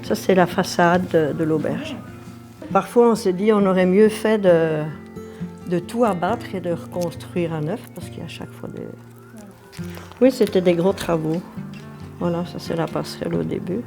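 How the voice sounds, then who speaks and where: An older woman from Belgium, telling her immigration story in a documentary with lively, repetitive emphasis. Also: on the low side. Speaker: interviewee. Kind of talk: documentary testimony.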